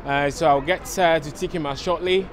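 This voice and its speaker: A man in his forties films a shopping vlog on a handheld camera held at arm's length, chatting to viewers with plenty of fillers in a clothing store and on a busy street. His voice sits on the high side, fairly even in intonation, a little fast, with background noise around him.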